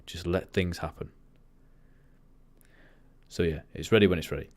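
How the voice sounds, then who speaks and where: Low-voiced guy streaming, monotone casual chat, keeps rambling, dry sound. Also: normal speed, no echo. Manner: rambling, easily sidetracked. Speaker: livestream host.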